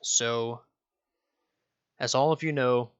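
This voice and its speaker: A man's voice: mid-range voice, steady tone, slow, clear, resonant tone, muffled recording. A young man from Denmark, a YouTuber, talking casually to his viewers, rambling, correcting himself and swearing offhand. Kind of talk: casual direct-to-camera vlog.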